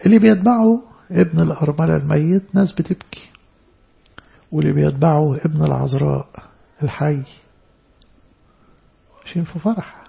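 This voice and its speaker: A man with an Egyptian Arabic accent preaching a church sermon, stressing words loudly and then dropping into soft asides. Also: a little high, brisk, creaky, long pauses, slightly rough, lo-fi sound. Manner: emphatic, swinging between loud stresses and soft asides.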